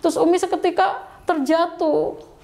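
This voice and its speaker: Middle-aged woman, high voice, emotional testimony with pleading prayers. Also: steady tone, normal speed, gravelly, darkish tone. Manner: refers to herself as Umi, pleading quoted prayers. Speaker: guest telling her conversion story.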